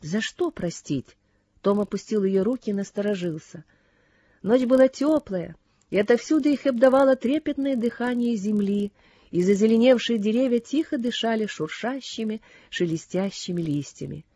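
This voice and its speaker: A woman reading a story aloud as narrator, in a slow, soft and lyrical manner. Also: fairly high pitch, dry recording. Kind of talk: audiobook reading.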